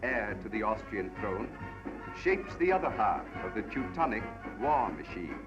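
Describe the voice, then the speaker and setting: A man's voice: lowish voice, big pitch swings, moderate pace. A man giving dramatic, declaiming narration in the style of an old newsreel. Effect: old newsreel sound. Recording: dull archival newsreel audio over loud music.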